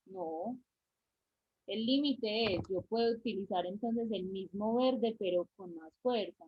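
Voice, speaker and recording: Speaking slowly at a medium pitch, a Colombian woman from Antioquia walks her online drawing class through each step and frequently checks that her students are keeping up. The video-call audio is muffled, with slight background noise.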